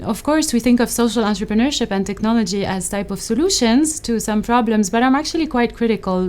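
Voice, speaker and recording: Middle-aged woman academic from Lebanon, resonant clear tone, measured interview answers with frequent pauses and ums. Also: medium pitch. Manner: thoughtful, hesitant, many fillers and restarts. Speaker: associate professor.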